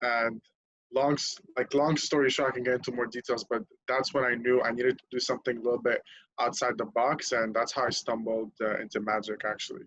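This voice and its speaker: A man's voice: medium pitch, little pitch movement, brisk, a bit bright, lo-fi sound, a little hiss or hum. A young man from Lebanon, a podcast guest telling his story candidly in casual chat, swearing freely and laughing at himself.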